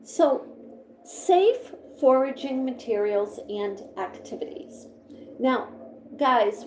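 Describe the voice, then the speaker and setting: A woman's voice: on the high side, roomy sound, background noise. A woman live-streaming about her pet finches, chatting casually and rambling as she reads notes aloud and comments on them. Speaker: pet bird vlogger. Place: indoor room beside a birdcage.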